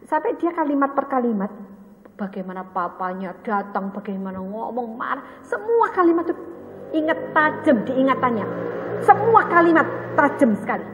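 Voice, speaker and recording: A woman's voice: high-pitched, normal speed, a little hiss or hum. A woman evangelist with an Indonesian accent gives a teaching sermon at a retreat, telling stories and acting out the dialogue in them. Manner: animated storytelling, acts out dialogue. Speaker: evangelist speaker at a staff retreat. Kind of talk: teaching sermon with personal story. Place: retreat hall. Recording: roomy hall with long reverb.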